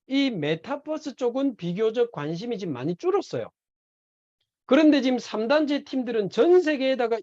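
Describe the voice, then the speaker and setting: Lively church lecturer, dull lo-fi sound. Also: medium pitch. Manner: animated storytelling, acts out quoted dialogue. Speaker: evangelism class teacher. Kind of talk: sermon-style church lecture.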